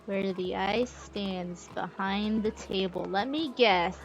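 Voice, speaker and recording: A game streamer chats informally while commentating on her livestream, with video game music playing behind her. She has a medium-pitched voice and speaks slowly.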